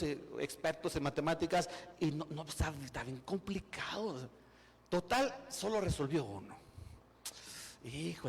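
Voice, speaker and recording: High-voiced preacher in a reverberant church. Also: male voice. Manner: acts out excuses in quoted voices, rises to loud emphatic preaching. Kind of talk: sermon. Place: church hall.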